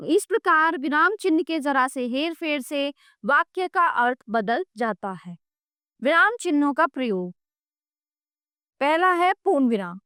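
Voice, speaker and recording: A woman's voice: high-pitched, animated, unhurried, bright, forceful tone, no echo, clean studio sound. A woman teaching a grammar lesson to children, patient and explanatory, often checking in with "okay".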